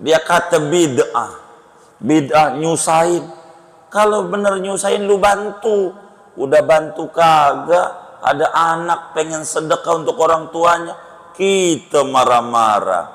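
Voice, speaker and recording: A man preaching a sermon, joking and conversational, with sudden jumps in pitch. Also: animated, slow pace, a bit bright. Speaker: Islamic preacher. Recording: long hall reverb.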